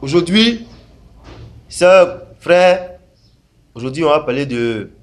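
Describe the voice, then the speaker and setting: A fervent, shouting preacher, as a man puts him on, pushing his voice high above its usual level. The sermon rings out in a bright, strained, insistent cadence, swinging in wide leaps of pitch. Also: lively intonation, slow. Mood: preaching. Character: loud fervent male preacher soliciting donations.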